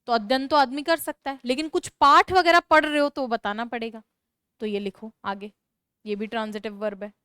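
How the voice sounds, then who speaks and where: Brief: woman grammar teacher, high-pitched, dry close sound, repeats points with emphasis while dictating. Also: fairly even intonation, moderate pace, fairly bright tone, smooth, no echo. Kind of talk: classroom lesson explaining grammar.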